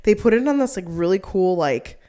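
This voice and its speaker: Co-hosting a laid-back conversation, this young woman has a mellow, mid-range voice that's very animated and fairly quick. Her talk wanders, is packed with "like," and is full of frequent laughter.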